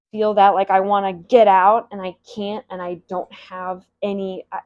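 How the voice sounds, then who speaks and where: A woman's voice: fairly low pitch, darkish tone. Woman vlogging, chatty and emotional, says a swear here and there, kinda dull audio. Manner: candid, laughing, emotional, swears. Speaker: self-help creator. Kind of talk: casual motivational talk to camera.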